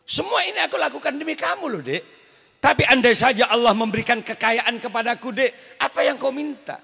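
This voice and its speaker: A man's voice: very high-pitched, expressive, brisk, creaky, bright, forceful tone, slightly rough, voice pushed up, full character voice. A man playing a husband who sweet-talks his angry wife with lavish promises, coaxing her and repeating "Dek" tenderly. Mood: pleading. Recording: reverberant hall sound system.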